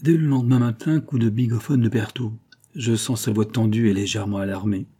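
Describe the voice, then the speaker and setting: A man's voice: on the low side, steady tone, brisk, warm tone, husky. A man narrating a crime novel in the first person with a wry, slangy delivery. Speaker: audiobook narrator.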